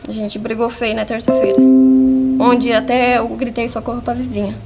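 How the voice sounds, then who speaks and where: Gravelly Brazilian woman giving halting testimony. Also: fairly high pitch, little pitch movement, over loud music. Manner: halting, fragmented retelling with many restarts. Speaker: defendant under questioning. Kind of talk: courtroom testimony. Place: courtroom hearing.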